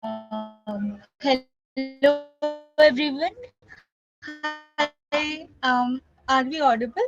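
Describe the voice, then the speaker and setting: A woman's voice: high voice, vocal fry, highs cut off, over music. A woman, a team presenter speaking hesitantly over a video call whose audio keeps breaking up. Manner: hesitant, halting. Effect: audio breaking up over a bad call connection.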